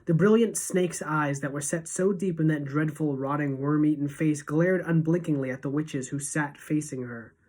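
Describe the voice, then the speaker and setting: A woman teacher reading a novel aloud to students, expressive and shifting between hushed and emphatic. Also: deep voice, moderate pace, few pauses, poor audio.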